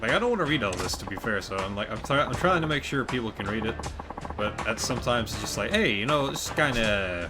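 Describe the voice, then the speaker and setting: A man's voice: lowish voice, sing-song, fast talker. A man hosting a let's play, chatting casually and easily in rambling thoughts while he plays. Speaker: let's play host and player. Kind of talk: casual chat over gameplay. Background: video game music.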